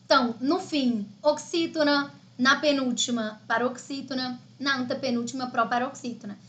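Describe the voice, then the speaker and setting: A woman's voice: sits high, normal speed, a bit bright. A Brazilian woman teaching Portuguese in a live online exam-prep class, explaining step by step in a chatty way.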